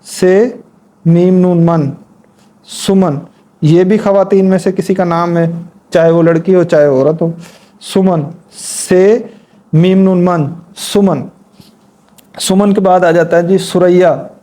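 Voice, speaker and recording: A man teaching how to write letters in a patient, step-by-step lesson. His voice sits fairly high for a man and has a dark, mellow tone. He spells each word out slowly and repeats it while he demonstrates the strokes. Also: fairly even intonation. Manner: talks while demonstrating at a board. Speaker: Urdu writing teacher. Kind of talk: instructional lesson.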